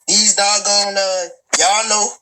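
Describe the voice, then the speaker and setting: A man's voice: sits high, level tone, takes it slowly, noisy background. A man in his twenties telling a long personal story in a profane, rambling way, stammering, restarting and turning to talk straight to his listeners. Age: 20s. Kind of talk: casual storytelling.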